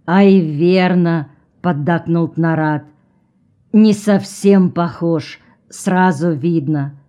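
A woman reads a literary novel aloud for an audiobook, calm and even, raising her voice slightly when the characters speak. Her voice is lowish and she draws out her words, and the sound quality is lo-fi.

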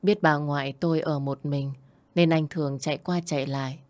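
Woman, storyteller, low voice, steady narration. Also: normal speed. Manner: low, steady narration, voicing the grandmother and herself in emotional dialogue. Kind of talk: first-person storytelling.

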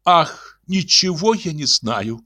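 A man's voice: fairly high pitch, sing-song, slow, pushed and bright, no room sound, pitched above the performer's own voice, heavily acted. An anxious, emotional fortune-teller woman pleading breathlessly, as a male reader puts her on. Her raised voice stays fretful and urgent. The sound is close and dry.

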